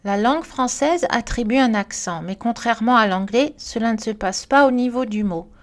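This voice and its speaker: A woman reading a scripted French pronunciation lesson, speaking carefully and clearly and slowing down for example words. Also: fairly high pitch, animated. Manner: careful, clearly articulated delivery with slow model words.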